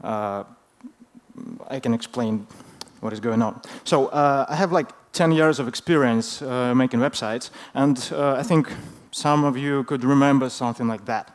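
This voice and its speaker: A man who is a non-native English speaker gives an informal technical talk in a hesitant, halting way, often filling his pauses. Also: mid-range voice. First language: not English. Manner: hesitant, halting delivery with frequent fillers. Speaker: conference speaker.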